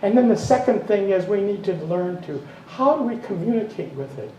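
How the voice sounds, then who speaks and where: A man's voice: high-pitched, expressive, fairly quick, darkish tone, far from the mic, slight background noise. Man, minister, rambling sermon, self-interrupting, roomy hall, faint background ambience. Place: spiritual center meeting room.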